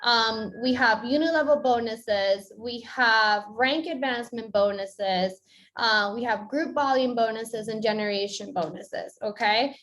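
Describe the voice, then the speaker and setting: A young woman from Colombia presenting a business onboarding, explaining step by step and checking in with her listeners. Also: fairly high pitch. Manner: upbeat, checks in with "okay?".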